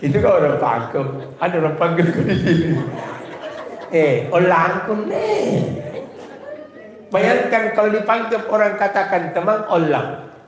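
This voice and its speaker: High-voiced South Sulawesi preacher. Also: male voice, expressive, measured pace, reverberant, in a large hall, a crowd in the background. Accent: South Sulawesi Indonesian. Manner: chants Arabic prayers, jokes with the women. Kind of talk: humorous religious sermon. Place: mosque.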